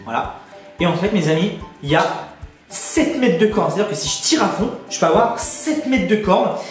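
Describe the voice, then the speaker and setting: A man's voice: sits high, lively intonation, moderate pace. A man chatting casually to his viewers on a headset mic as he unboxes things, eager and addressing them as friends. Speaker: YouTuber. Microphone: borrowed headset. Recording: echoey, distant headset sound with music.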